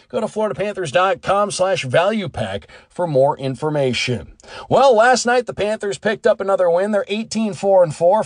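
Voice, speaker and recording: A man's voice: high-pitched, a little mellow, no room sound, clean studio sound. A man hosting a sports radio show, presenting team news and reading promos.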